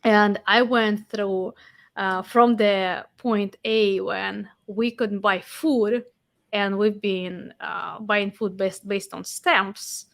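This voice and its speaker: A woman in her forties from Russia with a Russian accent, a podcast host being interviewed, telling her story in an animated way with fillers and restarts. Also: medium pitch, takes it slowly, gravelly. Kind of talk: casual interview.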